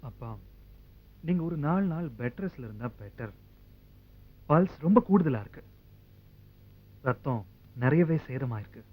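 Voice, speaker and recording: An actor playing a calm male doctor giving advice. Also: medium pitch, moderate pace, long pauses, lightly acted. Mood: advising. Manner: advising. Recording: tinny phone-like film audio.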